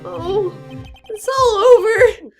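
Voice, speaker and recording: A woman's voice: extremely high pitch, very slow, soft background music, voice pushed up, full character voice. A woman voicing a distraught, melodramatic young man in an amateur reading of game dialogue. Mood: despairing. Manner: loud, overwrought, wailing.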